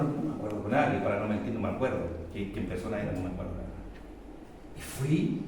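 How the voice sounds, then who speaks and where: A middle-aged man with a Chilean accent, preaching a sermon as pastor, shifting from loud emphatic peaks to low confiding testimony. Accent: Chilean Spanish. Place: church hall. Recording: echoey church hall, mic far off, faint noise.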